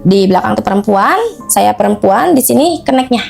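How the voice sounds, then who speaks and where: A woman telling a true ghost story to an interviewer in casual, animated, emotional talk, often addressing the listener directly. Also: medium pitch, fairly quick, creaky, soft background music. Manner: emotional, tells of distress at length.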